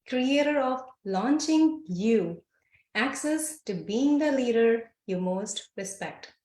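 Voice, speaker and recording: A woman's voice: high voice, darkish tone, echoey room. A woman hosting a podcast, introducing her guest with effusive praise. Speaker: podcast host.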